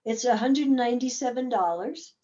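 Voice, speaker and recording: A woman therapist hosting a webinar, explaining her methods slowly and casually. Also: a little high, dark tone, lo-fi sound.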